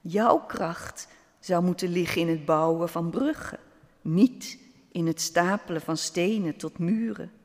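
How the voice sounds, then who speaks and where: A man voicing a small, wise talking pebble, speaking softly and calmly in a storybook. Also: sits high, unhurried. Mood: calm, gentle. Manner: soft, calm, quietly persuasive. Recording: long hall reverb.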